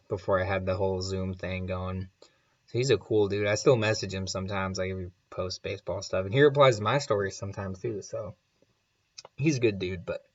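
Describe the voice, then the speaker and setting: A man with a lowish voice rambles loosely through viewer comments, chuckling as he goes. The audio has a low sample rate and sounds dull and muffled, like a makeshift remote setup. His chat is relaxed and unscripted. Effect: low sample rate, muffled low-quality audio. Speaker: channel host.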